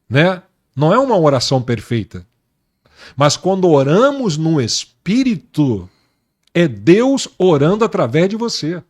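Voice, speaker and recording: A man with a somewhat high voice tells his faith testimony as a pastor in an interview. He speaks earnestly and takes his time. He stresses his points by repeating words. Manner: earnest, slow and emphatic, repeating words for weight.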